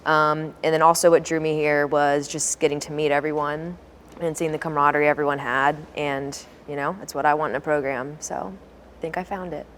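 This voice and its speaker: A young woman from Louisiana, a second-year resident on a panel, relaxed with many fillers. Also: low-pitched, a little fast, slight background noise. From Lake Charles, Louisiana. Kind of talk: panel discussion.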